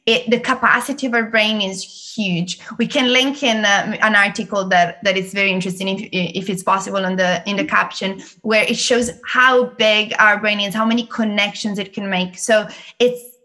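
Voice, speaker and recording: A woman with an Italian accent, a guest in an interview, explaining learning techniques in a lively way and laughing often. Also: medium pitch, normal speed. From Italy. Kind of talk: interview conversation.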